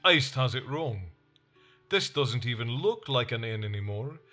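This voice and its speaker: Give me a wry, mocking nobleman, read by a man with a bright, forceful voice. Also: medium pitch, lively intonation, unhurried, soft background music. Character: sardonic male nobleman mocking the court.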